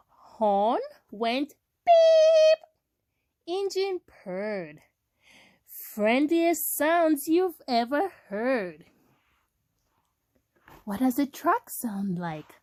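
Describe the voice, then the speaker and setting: Brief: young woman reading to kids, high voice, very slow, lively sing-song, dry close sound. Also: no room sound. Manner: slow, sing-song, talks directly to a child. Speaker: storyteller. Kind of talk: children's read-aloud.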